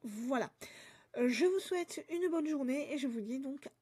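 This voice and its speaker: A woman vlogger chatting casually about books she received, pausing often with fillers and reading back-cover blurbs aloud. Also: high-pitched, expressive, mellow. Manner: hesitant, many fillers and restarts; reads book blurbs aloud. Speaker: book vlogger. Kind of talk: casual book haul chat.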